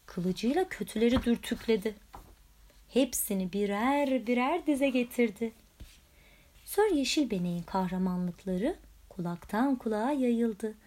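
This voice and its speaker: Storybook reader, female, slightly high voice, expressive and lively. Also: unhurried. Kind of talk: expressive children's story reading.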